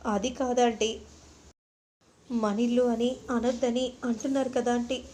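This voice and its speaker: Hurt, pleading young woman, polite, read by a woman narrator, fairly high. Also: flat delivery, a little slow, mellow, close to an everyday voice.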